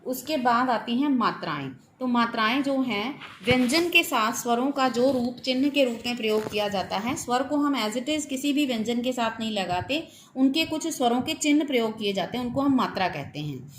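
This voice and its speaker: Indian woman teaching a class, higher voice. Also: expressive, moderate pace, a little hiss or hum. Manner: explains step by step, mixing in English words. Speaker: school Hindi teacher. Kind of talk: online class lesson.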